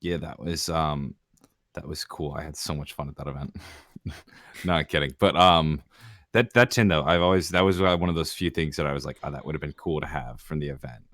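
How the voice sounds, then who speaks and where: Young male co-host, extremely deep voice, easygoing, dry close mic. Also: brisk, a bit bright, no echo. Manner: easygoing, with fillers. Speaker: podcast co-host. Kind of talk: casual chat.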